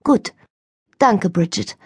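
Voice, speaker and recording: A woman voicing a gentle but passionate young lady who speaks softly. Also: medium pitch, animated, slow pace, slightly rough, no echo, studio quality, full character voice. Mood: gentle, soothing. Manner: soft yet passionate.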